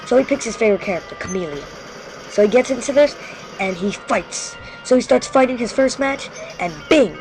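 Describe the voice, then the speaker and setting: A host spins a creepy tale live in a loose, unscripted way. The voice sits at a middle pitch, and the telling keeps stalling and restarting as the speaker corrects themselves mid-sentence. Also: expressive, brisk, a little mellow, soft background music. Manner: rambling, frequently corrects itself. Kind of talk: casual live storytelling.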